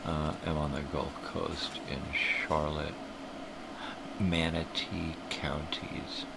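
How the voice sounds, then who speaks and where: With a bass voice, little pitch movement and a slow pace, an older livestream host rambles through casual, profane tangents while stuffed up with a cold. A background hum is clearly present.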